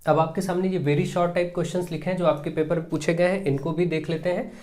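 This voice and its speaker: Teacher guy w going thru an exam paper, explains step by step, reads the questions out slow. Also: fairly high pitch, fairly even intonation, darkish tone. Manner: explains step by step, slows down to read questions aloud. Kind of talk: exam paper walkthrough lesson.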